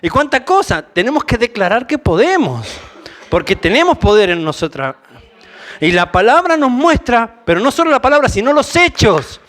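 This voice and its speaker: A man's voice: very high-pitched, very animated, moderate pace, fairly bright tone. A man with a Rioplatense Spanish accent preaching a conversational sermon, mixing Bible reading with informal asides.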